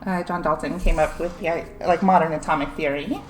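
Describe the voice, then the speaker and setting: A woman's voice: sits low, fairly even intonation, brisk. A young woman streamer casually explaining science, laughing often and filling her talk with "like" and "um". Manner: giggly, full of "like" and "um" fillers. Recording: echoey room, faint music behind.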